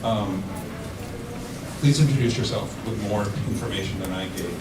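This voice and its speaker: A man moderating a conference panel, speaking haltingly with many fillers. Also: on the low side. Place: large conference room. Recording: echoey hall, distant mic, loud background noise.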